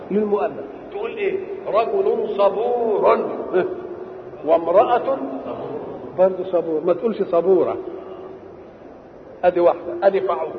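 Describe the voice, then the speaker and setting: A man's voice: high voice, creaky, a little hiss or hum. A man with an Egyptian Arabic accent gives a Quranic exegesis lecture, posing rhetorical questions and answering them himself. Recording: dull old lecture recording in an echoey hall.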